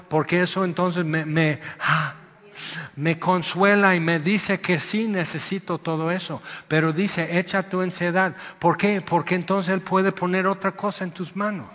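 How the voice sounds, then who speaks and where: A man's voice: high voice, fairly bright tone. A man preaching a sermon, chatty and storytelling, breaking into sudden emphatic outbursts. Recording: dull sound with long hall reverb.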